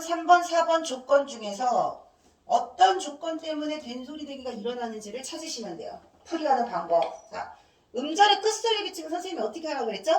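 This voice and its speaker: A woman teacher lectures a class in a high, very animated voice, quizzing the room and answering her own questions. She drills letters one by one. The sound is roomy and echoey, caught from some distance off the mic. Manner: asks questions and answers them herself.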